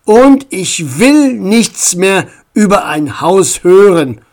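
A man voicing a grumpy, stubborn middle-aged father in a storybook reading, curt and gruff. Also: high-pitched, takes it slowly. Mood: irritated.

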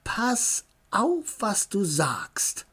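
A woman's voice: mid-range voice, huge pitch swings, extremely slow, a bit bright, slightly rough, full character voice. A woman voicing a teasing, tough older brother in a read-aloud children's story. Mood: threatening.

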